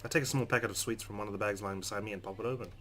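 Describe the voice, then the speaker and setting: Over guitar game music, a male let's player reads a visual novel's narration aloud with expression, tossing in casual, wry remarks. His voice is lowish and steady, his speech rapid-fire, and the audio very noisy.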